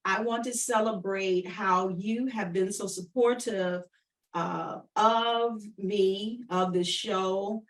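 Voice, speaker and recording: Speaking slowly at a medium pitch with fairly even intonation, a woman hosts an online radio show from far away from the mic. It's a warm-up chat interview where she talks directly to listeners, encouraging and affirming guests and repeating herself frequently.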